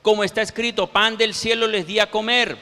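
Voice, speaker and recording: Guy preaching a sermon, high voice, quotes verses slow and emphatic, lots of hall echo. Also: steady tone, bright, forceful tone. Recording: reverberant hall.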